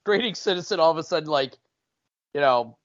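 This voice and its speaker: A man's voice: on the high side, lively intonation, fairly quick, fairly bright tone, no echo. A man co-hosting a podcast with casual, wisecracking commentary on a film. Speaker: podcast co-host. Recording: dry, slightly dull audio.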